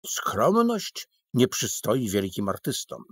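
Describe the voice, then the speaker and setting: A man's voice: medium pitch, huge pitch swings, slow pace, husky, dry recording, clean studio sound, full character voice. A man voicing an eccentric, boastful, burly male painter who declaims grandly in a storybook reading. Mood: grandiose.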